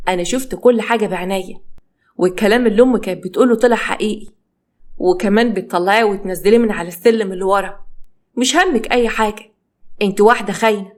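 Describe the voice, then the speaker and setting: Bitter, cold husband in an Egyptian audio story, read by a woman narrator, quick delivery. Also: medium pitch, a little mellow, lightly acted. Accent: Egyptian Arabic. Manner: bitter, reproachful.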